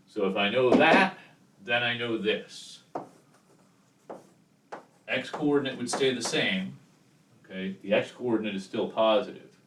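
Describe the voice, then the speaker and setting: A man teaching a math lesson at a chalkboard, explaining step by step in a casual way, with chalk scratching and clicking behind him. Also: fairly low pitch. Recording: echoey room, distant mic, background noise.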